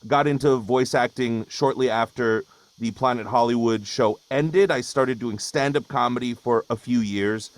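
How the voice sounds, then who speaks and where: Talking at a moderate pace in a medium-pitched voice, free of echo, the guest is a thirty-something voice actor from Hawaii. His casual video-call webinar chat rambles, full of fillers and restarts.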